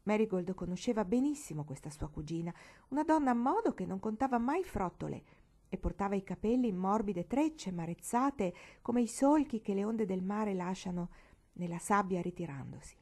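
Woman narrating a novel, mellow dark tone, steady expressive reading. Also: medium pitch. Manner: measured, expressive storytelling. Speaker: reader.

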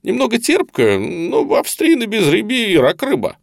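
A man reading an audiobook, voicing a sly male colonel interrogator who talks smoothly and with false cordiality. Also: sits high, wildly swooping pitch, normal speed, dry recording, studio quality, voice pushed up, full character voice. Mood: chatty, probing. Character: sly, ingratiating middle-aged male Soviet colonel interrogator.

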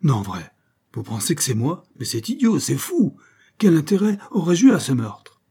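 A frantic, despairing accused man, as a male reader puts him on, shouting and pleading in a strained voice pushed well above the reader's usual pitch. The tone stays dark and a little husky. It sounds like a dramatic audiobook reading. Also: very animated, moderate pace, full character voice. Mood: indignant.

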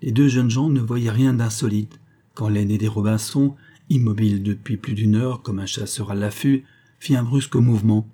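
A man reading a classic adventure novel aloud in a measured, even storytelling manner. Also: on the low side. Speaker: audiobook reader.

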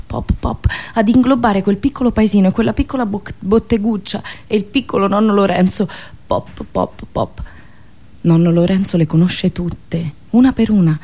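A female storyteller and radio show host with a rural central Italian accent and a mid-range voice delivers a theatrical monologue. She is expressive, using dramatic pauses and repetitions, and slips into rustic dialect.

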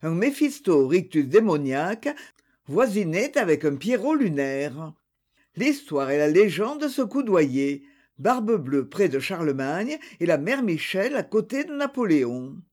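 An audiobook narrator reads a detective novel in a theatrical, expressive way. The pitch moves a great deal from line to line. The pace stays slow and deliberate.

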